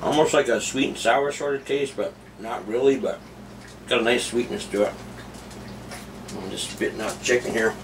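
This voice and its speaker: Pausing often, a middle-aged man with a medium-pitched voice talks at normal speed in a casual cooking and tasting vlog. He rambles and keeps restarting his sentences as he works in his home kitchen. A camera mic placed back in the room captures him, along with background noise.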